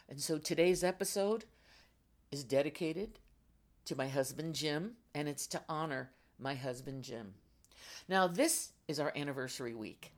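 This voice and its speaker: An older woman hosting a motivational podcast in deliberate, emphatic phrases that swell and fall away dramatically. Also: deep voice. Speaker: motivational podcast host and coach.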